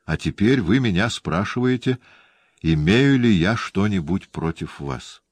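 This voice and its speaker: A man reading the part of a calm, composed nobleman in an audiobook, speaking in a dry, even way. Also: sits low, a little slow, no room sound.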